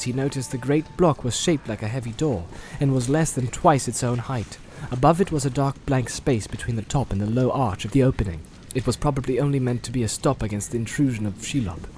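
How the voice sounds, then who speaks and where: Mellow guy reading an audiobook, steady, music behind. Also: medium pitch, slight background noise. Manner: measured storytelling. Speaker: audiobook narrator. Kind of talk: scripted narration.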